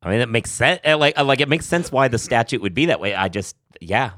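A male co-host chiming in with musing, halting remarks in an interview. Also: medium pitch, lively intonation, a bit bright, a little hiss or hum. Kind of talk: interview chat.

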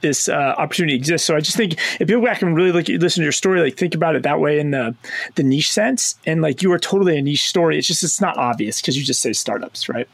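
A man's voice: a little high, lively intonation, fast talker, gravelly, dry recording. A man co-hosting a casual interview, making his points emphatically and often checking for agreement. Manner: emphatic, seeks agreement with frequent "right?". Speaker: podcast co-host, niche business presenter.

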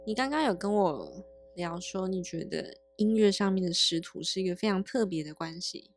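A woman from Taiwan, chatting casually, tossing in quick witty remarks and thoughtful explanations. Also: medium pitch, a little hiss or hum. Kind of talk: casual chat.

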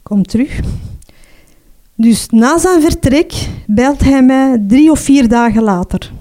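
Warm-voiced Flemish mother, halting speech. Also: sits high. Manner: halting, emotional, frequent restarts and tag "hè". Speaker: mother telling her own story. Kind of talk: personal testimony.

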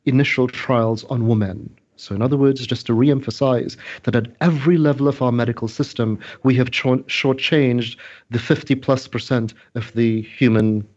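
A man's voice: mid-range voice, fairly even intonation, normal speed, darkish tone. Emphatic man, dull audio. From Trinidad. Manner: earnest, emphatic, lecturing, repeats points. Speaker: scientist guest. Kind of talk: interview explanation.

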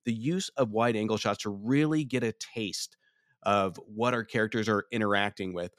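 A man's voice: fairly low pitch, normal speed, fairly bright tone, dry recording, studio quality. A man co-hosting a casual film review podcast, talking in a discursive way that builds gradually to his opinions. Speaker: podcast co-host.

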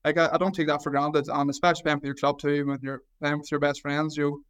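Young guy from county down, northern irish accent, smooth clear voice, even tone, chatting modestly about himself, stumbles n repeats words. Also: fairly high pitch, quick pace. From County Down, Northern Ireland. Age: 20s. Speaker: Gaelic football goalkeeper trying out as American football kicker. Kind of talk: casual sports interview.

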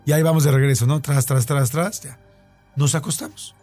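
A man's voice: medium pitch, fairly even intonation, brisk, a little mellow, dry recording, faint music behind. A man with a Mexican accent telling a long story in casual chat, with many fillers and repeats.

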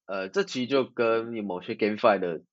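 Casting: male podcast co-host, Taiwanese accent, lowish voice, relaxed conversational style, close dull-sounding audio. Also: normal speed, no room sound. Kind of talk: casual chat.

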